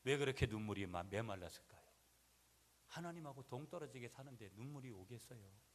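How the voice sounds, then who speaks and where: A male pastor preaching a sermon, swinging from quiet asides to loud, rising climaxes and having the congregation repeat lines after him. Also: medium pitch, lively intonation, fairly quick. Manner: swings from soft asides to shouted peaks, has the church repeat after him.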